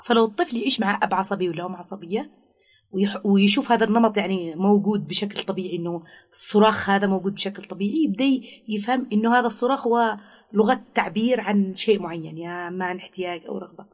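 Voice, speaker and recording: A woman's voice: mid-range voice, quick pace, breathy edge. A woman giving parenting advice in an interview, explaining patiently and acting out what parents might say to a child.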